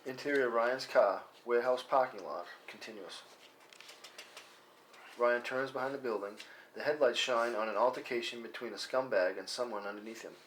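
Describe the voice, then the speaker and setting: The stage-direction reader at this table read is a man with a medium-pitched, fairly bright voice who speaks at normal speed. He reads scene headings and action lines as scripted narration, recorded in a noisy live room with clicks.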